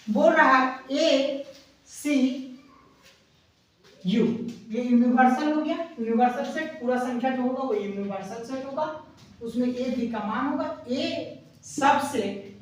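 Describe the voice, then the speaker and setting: A woman teaching an exam-prep maths lesson at a board. She explains step by step, repeats herself and counts numbers aloud slowly. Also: high-pitched. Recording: echoey room, voice far from mic.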